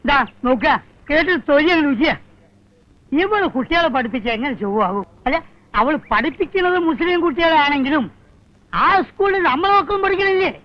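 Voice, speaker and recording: An actor playing a meddling village busybody who excitedly spreads scandal in a film comedy scene. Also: high-pitched, moderate pace, no room sound. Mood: gossiping. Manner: gossipy, scandalized, self-righteous. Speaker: village gossip. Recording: dull lo-fi old film sound.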